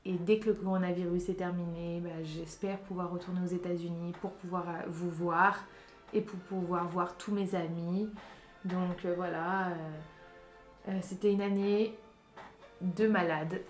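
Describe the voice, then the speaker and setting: A woman's voice: on the low side, flat delivery, unhurried. A young woman from France chatting casually in a vlog, giving emphatic advice straight to her viewers. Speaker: vlogger. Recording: roomy echo with faint music.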